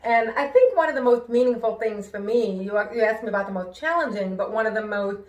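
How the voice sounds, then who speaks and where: A woman's voice: a little high, brisk, dull audio. A woman with hearing-impaired speech whose r sounds drift toward w, speaking expressively and with careful pronunciation in a personal, conversational talk. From New York, United States. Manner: careful pronunciation with worked-on inflection; expressive, emphatic. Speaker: singer and show host. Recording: echoey room.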